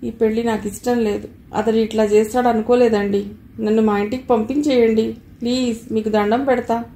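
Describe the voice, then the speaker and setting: A woman's voice: on the high side, steady tone, fairly quick, warm tone, reverberant, a little hiss or hum, lightly acted. A woman voicing a distraught young bride, regretful and pleading through tears. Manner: tearful, pleading.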